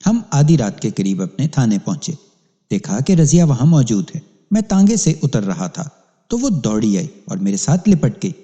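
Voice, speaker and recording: A man's voice: mid-range voice, big pitch swings, warm tone. A man narrating a crime story as a police inspector, in an emphatic, dramatic reading. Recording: long hall reverb.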